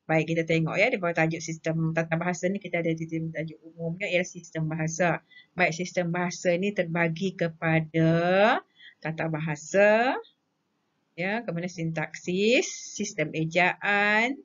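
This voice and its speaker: A woman teacher with a Malaysian Malay accent talks through a grammar lesson at a measured pace. She sits a little low in her register, lists terms deliberately and answers her own prompts. The recording is dull and lo-fi.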